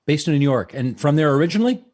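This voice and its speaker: A middle-aged man hosts an online event from his home office, speaking over earphones and a desk mic. He talks quickly and keeps things friendly and joking. His voice sits on the higher side. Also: sing-song, a little mellow. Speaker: host. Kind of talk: hosting a public online presentation. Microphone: video call with earphones and desk mic.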